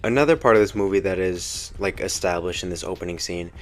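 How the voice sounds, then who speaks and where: Over background music, a young video essay host reviews a movie in a relaxed, slang-heavy style, sincerely enthusiastic like a true fan. His voice sits low, and he speaks fast.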